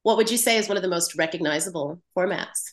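A woman's voice: fairly low pitch, fast. A woman interviewer talking in a casual, conversational way as she introduces and questions a guest. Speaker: interviewer, branch president of a performers' union.

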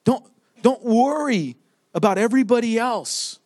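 A young man preaching in a casual, emphatic way, circling back on his phrases as he drives each point home. His voice sits high for a man, and the sound is dry and close. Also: expressive, unhurried, darkish tone, dry recording. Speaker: pastor. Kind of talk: sermon.

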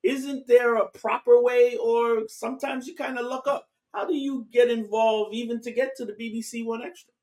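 A man hosting a radio interview, affirming his guest and giving shout-outs between questions. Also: very high-pitched, steady tone, moderate pace. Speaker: radio show host. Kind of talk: interview conversation.

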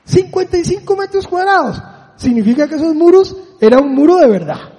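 A man's voice: very high voice, very animated, a little fast, mellow, big-room sound. A man preaching a sermon, often putting rhetorical questions to his listeners.

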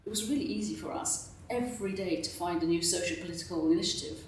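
A woman's voice: on the low side, fast, a little hiss or hum. A woman speaking on a roundtable panel, thoughtful and full of "you know" fillers. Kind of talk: roundtable discussion. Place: conference room. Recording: roomy echo, mic far off.

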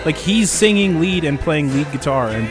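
A man's voice: on the high side, animated, normal speed, over music. A man chatting casually about records in a gushing frat-bro way, peppering his talk with "dude" and "like".

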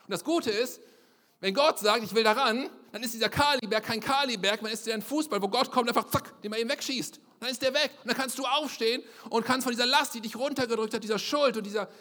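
Bright, lively young preacher in a hall. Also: male voice, extremely high pitch, fast talker. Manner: lively, emphatic and colloquial. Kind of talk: sermon. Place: church service.

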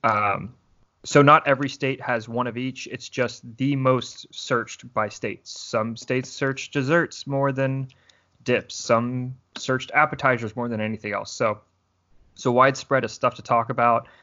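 A man's voice: medium pitch, fairly even intonation, measured pace, bright, forceful tone, dull audio. A man guesting on a casual podcast, laid-back with dry humor.

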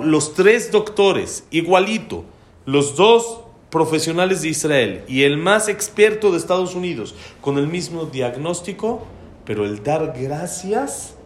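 A man's voice: on the high side, a little hiss or hum. A man, a religious teacher telling a heartfelt, emphatic story in a sermon. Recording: roomy hall with faint background ambience.

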